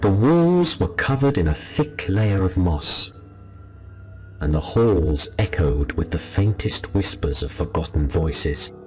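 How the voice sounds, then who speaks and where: A man narrating a scripted scary story as a storyteller, in a low, haunting and ominous delivery. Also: expressive, slow, darkish tone. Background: music behind the voice.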